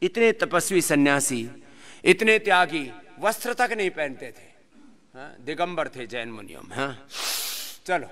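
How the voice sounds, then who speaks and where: A man leading a live yoga class, giving instructions and lively talks on health while joking with the group. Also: on the high side, measured pace. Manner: lively, sings verses, jokes with class. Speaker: yoga teacher.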